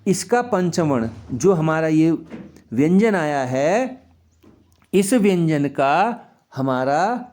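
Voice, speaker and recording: A man teaching a Hindi spelling lesson, repeating each word slowly and speaking straight to the children. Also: a little high, sing-song, a little mellow. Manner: repeats words slowly, often addresses children. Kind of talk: classroom lesson explaining spelling.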